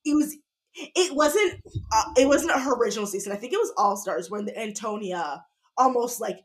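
Woman podcast co-host, stuffy nose, chatty and rambling, mid-pitched. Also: brisk. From Michigan. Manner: rambling, animated, many fillers. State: congested, sniffling. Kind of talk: casual chat recap.

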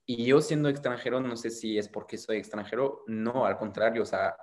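The speaker, a young content creator from France, chats as an interview guest in a casual conversation. His voice is mid-range with fairly even intonation at normal speed, and he hesitates, rambles, and starts over many times.

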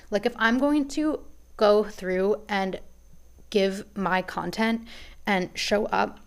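A woman's voice: medium pitch, gravelly. A woman hosting a podcast, talking in a casual, rambling way with many restarts, a little out of breath. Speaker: podcast host. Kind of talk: casual business podcast monologue.

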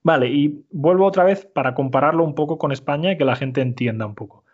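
Un hombre malagueño con acento andaluz da una clase de español con calma y paciencia. Repite las respuestas y explica cada palabra con claridad. La grabación suena algo apagada, de baja calidad. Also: male voice, on the high side, fast talker, highs cut off. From Málaga, Spain. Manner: clear, patient, repeats and explains words. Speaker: Spanish teacher. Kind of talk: slow explanatory language lesson.

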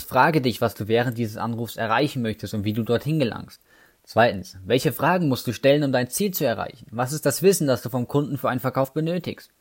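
A man explaining sales call techniques in an instructional talk, addressing the listener directly with numbered tips and casual asides. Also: mid-range voice. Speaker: sales trainer.

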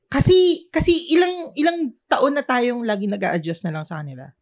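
A man's voice: very high-pitched, moderate pace. A man with a Filipino accent co-hosting a podcast, telling stories in casual chat with frequent giggles. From Philippines. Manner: animated, giggly storyteller. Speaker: podcast co-host.

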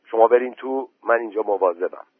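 A man voicing a furtive scavenging village man who leads his companions, talking in an urgent, hushed way. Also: lowish voice, slightly rough, dry recording. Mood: scheming. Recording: tinny phone-like recording.

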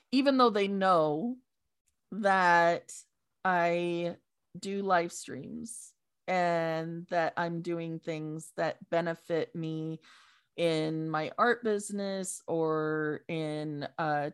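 A woman speaking as a guest in a casual interview, hesitant with many pauses and fillers. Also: fairly low pitch, steady tone, a bit bright, smooth.

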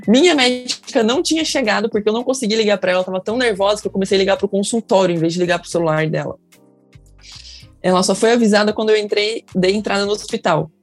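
Young woman, Brazilian accent, casual storytelling, emotional, faint music behind. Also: medium pitch. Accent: Brazilian Portuguese. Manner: emotional, acts out quoted people in raised voices. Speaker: mother sharing her birth story.

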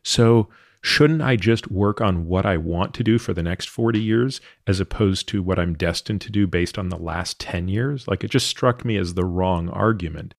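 Male podcast host, 30s, low voice, thoughtful and earnest, dry studio sound. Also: normal speed, dry recording. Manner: thoughtful, earnest, explains at length. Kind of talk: long-form interview conversation.

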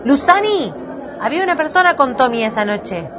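A woman voicing an insistent male journalist who loudly presses his questions. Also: high voice, very animated, moderate pace, a crowd in the background, pitched above the performer's own voice. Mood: pressing, loud. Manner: pushy, loud, pressing.

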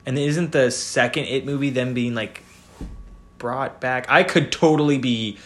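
A man's voice: medium pitch, a little slow, a bit bright. Young man, podcast co-host, casual chat, rambling, swearing, filler words. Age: 20s.

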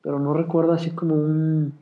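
A man's voice: on the high side, a little fast. Mexican co-host man, dull lo-fi sound. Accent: Mexican Spanish. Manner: brief slangy agreement, relaxed. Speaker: podcast co-host. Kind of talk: casual chat. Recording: dull lo-fi mic.

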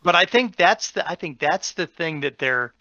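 A man co-hosting a podcast in casual chat, rambling with many restarts and getting animated as he explains. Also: on the high side, moderate pace, muffled recording. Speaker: podcast co-host.

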